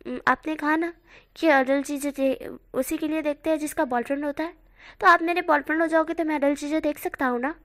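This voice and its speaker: A fifteen-year-old boy, innocent-sounding and stubborn, from a read-aloud storybook. A woman voices him with a high, youthful ring. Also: steady tone, quick pace, fairly bright tone. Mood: insistent. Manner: innocent, insistent.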